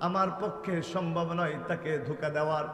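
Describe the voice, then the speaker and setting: A man preaching a sermon, chanting verses melodically, building to shouts and calling on the crowd to answer aloud. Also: on the high side, fairly even intonation, fairly quick. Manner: calls on the audience to answer aloud. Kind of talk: Islamic sermon. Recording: echoey hall, long reverb, PA sound.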